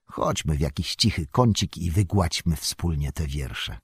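Wistful old hobbit, put on by a man reader, low husky voice. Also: lively intonation, measured pace, no echo, heavily acted. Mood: coaxing. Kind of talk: audiobook character voice.

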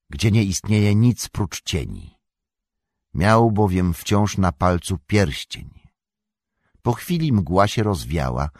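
A man narrating a fantasy audiobook in a measured, steady storytelling manner. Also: sits low, husky, dry recording, clean studio sound. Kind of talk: scripted narration.

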